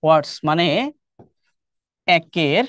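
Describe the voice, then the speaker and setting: A man's voice: fairly high pitch, steady tone, slow, a bit bright, clean tone, no room sound, dull audio. A young man with a Bangladeshi Bengali accent teaching an online English class, explaining step by step and quizzing his students often. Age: young adult.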